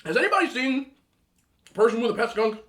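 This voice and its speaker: A man hosting a mukbang, chatting casually and telling an animated, slangy, incredulous story between bites as he eats. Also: extremely high pitch, quick pace. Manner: eating between phrases. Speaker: host of a mukbang video. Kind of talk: casual rambling storytelling while eating.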